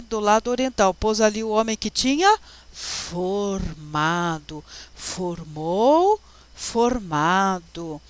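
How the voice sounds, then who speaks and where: A woman teacher giving a slide lecture, constantly checking with her class as she explains Hebrew words. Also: on the high side. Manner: addresses class often, checking with "tá?" and "gente"; slow, deliberate explanation, reading out Hebrew words.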